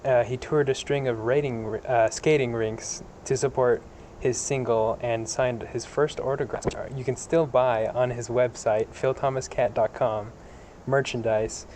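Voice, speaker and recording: A man's voice: mid-range voice, steady tone, unhurried, darkish tone, a little hiss or hum. A man hosting a casual podcast, reading out facts with many fillers and restarts. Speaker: podcast host.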